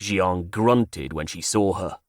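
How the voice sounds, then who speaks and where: Male audiobook narrator, first-person fantasy, measured and low, dry studio sound. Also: dry recording.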